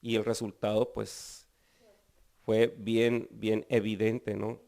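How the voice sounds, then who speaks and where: A priest answers interview questions calmly, pausing and restarting now and then. His voice is low and gravelly, with some vocal fry. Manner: calm, hesitant explaining.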